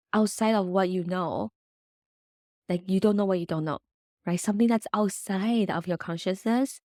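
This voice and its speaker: A woman's voice: on the low side, a little mellow, no echo, studio quality. A woman hosting a solo podcast, talking in an earnest, encouraging way and often checking in with "right?". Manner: earnest, encouraging, uses many "right?" tags. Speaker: podcast host.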